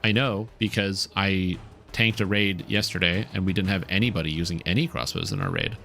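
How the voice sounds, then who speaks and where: A man's voice: low-pitched, expressive, brisk, vocal fry, fairly bright tone, a little hiss or hum. A man streaming a game and chatting loosely through a headset mic, thinking aloud with lots of filler words. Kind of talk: casual gameplay commentary.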